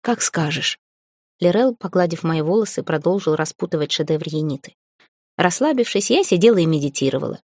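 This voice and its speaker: A woman narrating a first-person audiobook in a measured, wry manner. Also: on the low side, expressive, a little mellow, no echo, studio quality.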